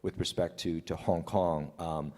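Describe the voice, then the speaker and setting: A man's voice: deep voice, fairly even intonation, measured pace, a little mellow, long reverb tail. A man from Taiwan speaking as a conference panelist in an earnest, conversational way with frequent restarts. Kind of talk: panel discussion.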